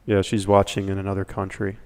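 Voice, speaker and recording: A man's voice: sits low, monotone, brisk. A man co-hosting a casual podcast livestream, playful and joking as he reads the chat aloud. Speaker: podcast co-host.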